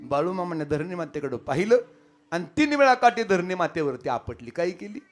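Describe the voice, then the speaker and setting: With music playing behind him, a man gives a storytelling kirtan sermon at normal speed, talking directly to those listening. His voice rises and falls dramatically, shifting from soft remarks to loud, high exclamations.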